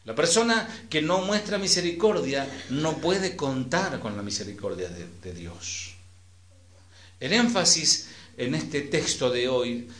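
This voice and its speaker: A man with an Argentine accent preaching a sermon as pastor, switching between loud emphatic phrases and soft trailing endings, with conversational asides to the congregation. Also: mid-range voice, reverberant.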